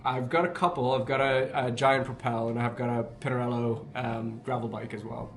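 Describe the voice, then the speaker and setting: A man's voice: mid-range voice, steady tone, normal speed, slight background noise. A man from Northumberland with a local accent, chatting in a casual interview as a bike hire centre worker, often searching for his words. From Northumberland, England.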